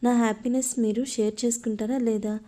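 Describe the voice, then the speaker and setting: A woman voicing a cheerful, playful young sister, reading her lines in a flat, even way. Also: a little high, brisk, lightly acted.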